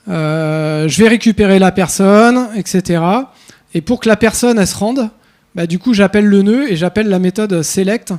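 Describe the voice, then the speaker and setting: A man's voice: high-pitched, darkish tone. A man speaking at a developer conference, explaining code live in a casual way with many fillers and restarts. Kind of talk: live coding talk. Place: conference room.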